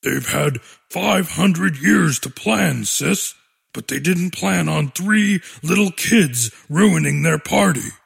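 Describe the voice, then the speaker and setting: A man's voice: fairly high pitch, takes it slowly, vocal fry, husky, full character voice. A man voicing a small scaly boy monster who speaks steadily and gives orders. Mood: confident. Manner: steady, commanding. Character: calm, scheming little scaly boy monster.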